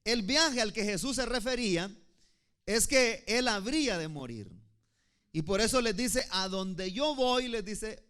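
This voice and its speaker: A male preacher from El Salvador delivers a teaching sermon, his voice sitting on the high side for a man. He lingers on key words and phrases, explaining each point to his congregation and calling them brothers. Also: a bit bright, clear, resonant tone. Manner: teaching, slow emphatic phrasing, addresses listeners as brothers.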